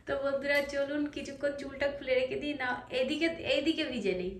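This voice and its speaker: An Indian homemaker vlogs casually from her family home, chatting to viewers with frequent hesitant fillers. Her voice is high-pitched and fast. Recorded on a phone, it sounds distant and echoey, with slight background noise.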